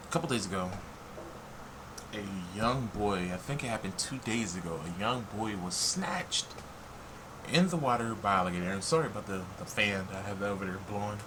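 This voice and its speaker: An American man talking casually and bluntly in an opinion vlog, sometimes swearing. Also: lowish voice. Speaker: online video commentator. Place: warm room at home with fan running. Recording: noisy, loud fan blowing nearby.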